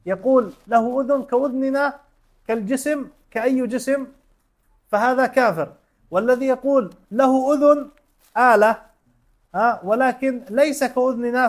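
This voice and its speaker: A man teaching a religion class, explaining step by step with everyday examples and quizzing his students with short questions. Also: extremely high pitch. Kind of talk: classroom lesson.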